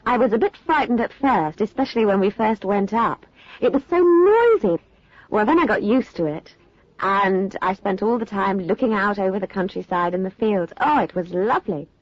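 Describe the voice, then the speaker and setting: A woman's voice: medium pitch, expressive, moderate pace, no room sound, lightly acted. A woman playing an adult recalling her first flights, telling it in an effusive, storytelling way in a dry, muffled studio recording. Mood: delighted. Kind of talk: scripted listening exercise monologue.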